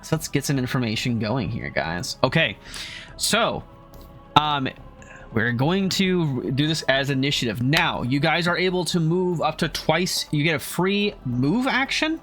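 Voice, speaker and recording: A man's voice: on the high side, lively intonation, measured pace, fairly bright tone, soft background music. A man running a homebrew tabletop game as game master, narrating with many fillers and restarts.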